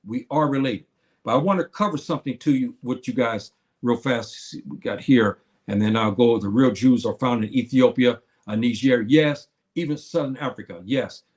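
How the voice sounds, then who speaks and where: An older man in his seventies speaks casually to his livestream audience at a medium pitch. He stops and restarts often, fills gaps with "uh," and repeats his key lines for emphasis. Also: a little mellow. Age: 70s. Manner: halting, with many fillers and repeated words. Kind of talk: casual livestream talk to viewers.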